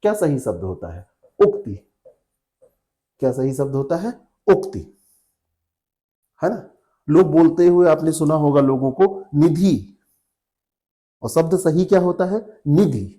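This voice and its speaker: A man's voice: medium pitch, dark tone. A man teaching Hindi spelling in an exam coaching lecture, explaining step by step, asking rhetorical questions and often checking with "है ना".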